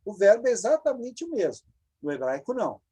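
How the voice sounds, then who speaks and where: Teaching a Hebrew grammar class over a video call, this Brazilian woman speaks with a Brazilian Portuguese accent in a medium-pitched, sing-song, brisk voice that is dark and slightly rough. She explains patiently and repeats forms for her students in this online lecture.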